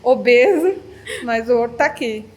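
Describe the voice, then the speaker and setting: A woman's voice: on the high side, expressive, normal speed, slight background noise. A woman hosting a podcast in casual chat, speaking hesitantly with fillers. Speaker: podcast host.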